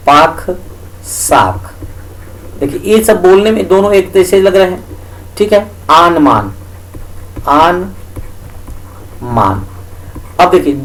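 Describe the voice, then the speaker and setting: Guy teaching an exam-prep class, pretty high voice, keeps asking then answering his own questions. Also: low-quality recording. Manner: asks the class questions and answers them himself; repeats key points, often adds a tag question.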